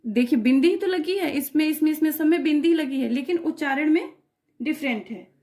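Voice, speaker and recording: A woman's voice: high-pitched, fairly quick, dark tone. A woman teaching a grammar lesson for exam students, patiently explaining step by step and checking that the class follows. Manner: patient, repeats checks like "clear?" and "okay".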